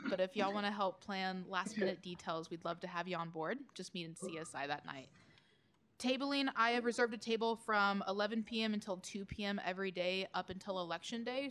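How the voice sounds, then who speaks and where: A young woman gives her committee report at a student meeting, easygoing and chatty, mid-pitched. A faint room hum sits under her voice. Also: fairly bright tone. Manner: chatty, breezy, laughs between items. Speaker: committee chair. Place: meeting hall.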